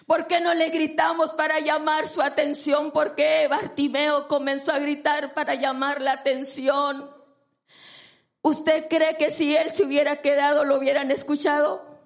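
A woman's voice: high-pitched, little pitch movement, unhurried. A woman preacher delivering a sermon, emphatic and repeating phrases for stress.

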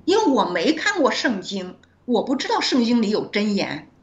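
A woman doctor, a guest in an interview, telling a story with frequent laughs and quick self-corrections as she acts out dialogue. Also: fairly high pitch, sing-song, dull audio. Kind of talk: animated storytelling in conversation.

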